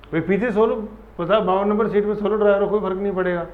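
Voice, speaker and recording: A man teaching an exam-prep class, lively and full of memory tricks, often checking that students follow. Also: high voice, fast talker. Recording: roomy, dull lo-fi classroom sound.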